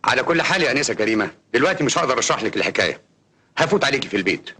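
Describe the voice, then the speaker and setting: A calm polite gentleman on the phone. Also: medium pitch, racing. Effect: phone call. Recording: noisy old film soundtrack.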